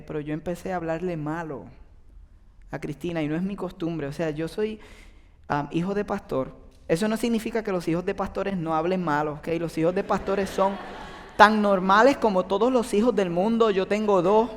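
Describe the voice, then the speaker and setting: Man preaching. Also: high-pitched. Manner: conversational, addresses the audience directly. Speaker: pastor. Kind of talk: sermon. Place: church auditorium with an audience. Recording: long reverb from a large hall.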